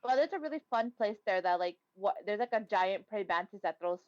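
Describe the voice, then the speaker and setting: A woman in relaxed group chat on a voice call, rambling from one thing to the next and swearing freely. Her voice comes through dry and a little dull, like a lo-fi call line. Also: mid-range voice, fairly quick, dry recording. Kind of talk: casual chat.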